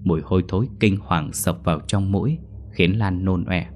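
A man narrating a horror story dramatically, slowing down at grisly details. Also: low voice, a little hiss or hum.

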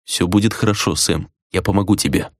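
A man voicing a calm necromancer master who speaks softly and soothingly. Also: low voice, no room sound, studio quality, close to an everyday voice. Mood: comforting. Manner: soft, soothing, measured.

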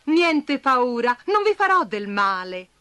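A woman voicing a gentle, naive little stick boy who speaks kindly and earnestly. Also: high-pitched, very animated, a little slow, dry recording, heavily acted. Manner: kind and earnest.

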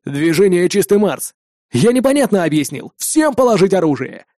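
A man's voice: sits high, very animated, normal speed, warm tone, dry recording, clean studio sound. A man doing a cold, brash antihero. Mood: threatening. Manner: cold, threatening, barking orders.

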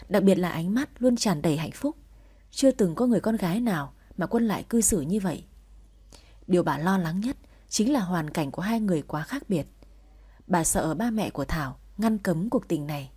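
Mellow, husky woman narrating a story. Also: fairly low pitch.

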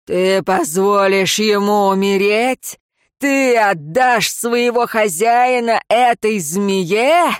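A woman voicing a gruff peasant father and cart driver who shouts roughly in a storybook reading. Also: mid-range voice, slow pace, no room sound, studio quality, lightly acted. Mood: angry.

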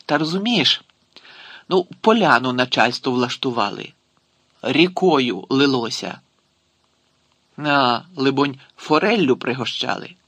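A man's voice: medium pitch, lively intonation, slow, long pauses, fairly bright tone, no room sound. A man voicing a wry, talkative Soviet security officer who explains things to his superior. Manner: chatty, amused explaining.

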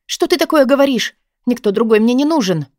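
A lovesick young woman, voiced by a woman narrator, pleading in a high, emotional, raised voice. She sounds desperate and insistent. The audio is close and dry. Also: fairly quick, darkish tone, no echo, natural voice.

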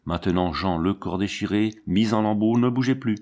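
A man reading an audiobook story aloud in steady, dramatic narration. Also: fairly low pitch, moderate pace. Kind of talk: scripted narration.

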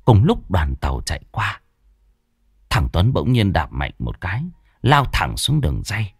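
Dramatic man telling a horror tale, very lively pitch, dry, soft music. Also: a little slow, husky, dry recording. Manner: dramatic, expressive. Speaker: storyteller.

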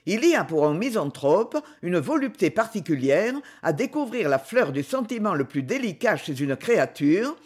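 A reader narrating a classic French story in an expressive, measured way. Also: mid-range voice, husky. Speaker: audiobook reader. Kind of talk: literary narration.

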